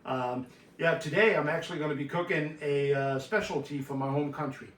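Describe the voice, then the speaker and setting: A man's voice: on the high side, fairly quick, slight background noise. Austrian man chef, echoey far-off kitchen. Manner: relaxed, instructive, many "uh" fillers. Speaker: guest chef. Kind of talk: cooking demonstration. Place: home kitchen.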